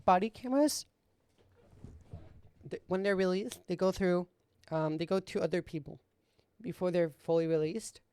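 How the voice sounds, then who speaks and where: A woman's voice: on the low side, normal speed, long pauses, warm tone, smooth. A woman giving casual, off-the-cuff reaction commentary, skeptical and often repeating her points. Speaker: reaction video host.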